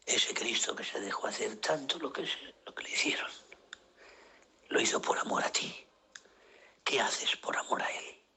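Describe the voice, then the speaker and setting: A man preaching an emotional sermon, sinking into hushed whispers and rising into high cries. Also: expressive, moderate pace, gravelly, long pauses, slightly rough. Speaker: pastor.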